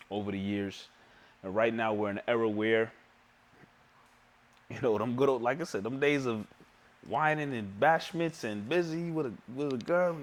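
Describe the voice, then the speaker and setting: Easygoing man co-hosting a podcast. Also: mid-range voice. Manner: easygoing, reflective, emphatic. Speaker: podcast co-host. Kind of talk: casual podcast chat.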